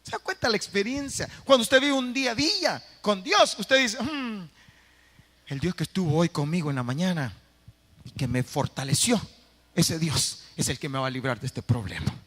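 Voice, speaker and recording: A man preaching a sermon as pastor, animated, dramatizing scenes and calling out phrases to his church. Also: high voice, normal speed, in a large hall. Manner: animated preaching, acting out voices and shouting phrases. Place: church sanctuary.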